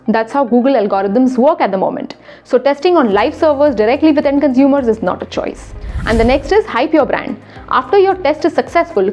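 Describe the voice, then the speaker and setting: In a studio, a young woman who works as a retail consultant presents a scripted explainer to camera, brisk and instructive, emphasizing points with hand gestures. She speaks in a high-pitched, darkish voice, captured with lo-fi sound.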